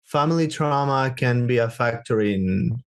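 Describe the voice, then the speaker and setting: A man's voice: medium pitch, animated, unhurried. A young man from Guatemala, a psychotherapist speaking as a podcast guest, talking casually and searching for words with frequent restarts.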